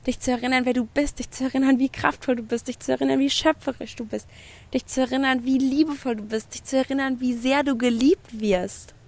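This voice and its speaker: Outdoors by the sea at night, a woman hosting her own podcast delivers an effusive spiritual motivational monologue, swearing casually and mixing in English phrases. Her high-pitched voice is steady and a little mellow, and she talks a little fast.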